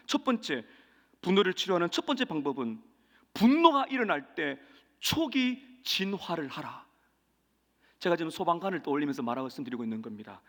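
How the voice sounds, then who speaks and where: A man pastor preaching a sermon in a church sanctuary, speaking emphatically and swelling to loud peaks as he leads the congregation in repeating verses. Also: fairly high pitch. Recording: reverberant church hall.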